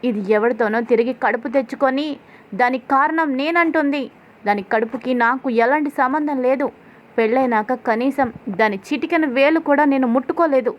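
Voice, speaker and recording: Woman reading a bullying young husband, loud and scolding, slightly high. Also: fairly quick, natural voice. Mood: angry. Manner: shouting, scolding, rough insults. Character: angry young husband, harsh and accusing.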